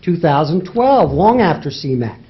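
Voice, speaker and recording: Man, lawyer, courtroom argument, high voice, forceful rhetorical questions, dull lo-fi audio. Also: big pitch swings, normal speed. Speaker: lawyer arguing in federal court.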